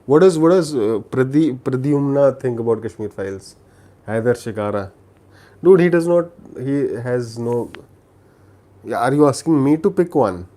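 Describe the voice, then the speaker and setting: Casual Indian man with a Telugu accent, mellow. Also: mid-range voice, lively intonation. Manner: halting, repeats words and restarts sentences often. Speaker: livestream host chatting with viewers. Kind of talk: casual chat, recommending films.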